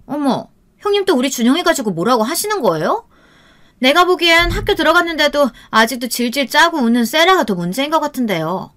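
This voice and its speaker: Woman putting on a shrill sneering sister-in-law. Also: lively intonation, fairly quick, a bit bright. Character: rude arrogant younger sister-in-law, a woman doctor.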